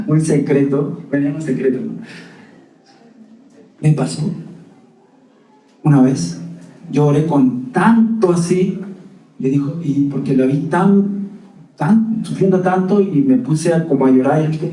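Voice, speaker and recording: A man's voice: a little high, warm tone, roomy sound, distant mic, rough recording. A male pastor giving a conversational sermon, often turning to ask the congregation questions. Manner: conversational preaching with asides to the congregation. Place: church hall.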